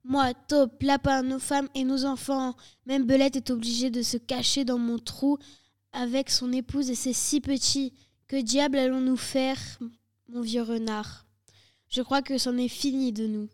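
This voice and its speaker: A woman voicing a worried, gloomy old male badger in a storybook reading, speaking in a lowered, fretful voice. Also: level tone, a little slow. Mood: despairing.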